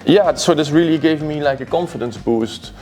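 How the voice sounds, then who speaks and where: A musician chatting about favorite records in a record store, with a thoughtful, rambling way of talking. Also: male voice, fairly high pitch, normal speed, a little mellow, faint music behind. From Belgium.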